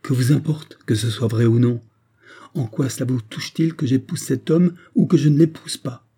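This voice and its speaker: A man's voice: mid-range voice, normal speed, darkish tone, slightly rough, voice pushed up, close to an everyday voice. A man reading aloud who voices an embittered, despairing widow with vehement outbursts. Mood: fierce.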